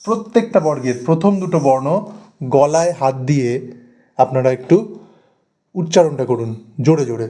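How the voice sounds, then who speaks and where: A man with a fairly high, warm and mellow voice teaches a grammar class. He works at a board, drills the terms by repeating them and stresses each key word. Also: moderate pace, pauses often. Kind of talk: Bengali grammar lesson at a board.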